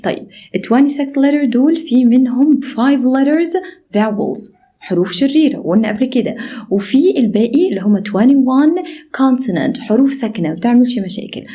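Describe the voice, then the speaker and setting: Woman, Egyptian Arabic accent, pronunciation teacher, mellow tone, fairly high voice, slow sound demos. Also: animated. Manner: slow demonstrations of each sound; checks in with "okay?" often. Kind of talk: online pronunciation lesson.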